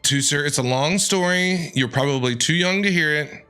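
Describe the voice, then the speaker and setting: An American man reacts to a game in a casual, playful way, talking back to its characters. His voice is a little high and sharp-toned, at a normal speed, and game music plays behind him.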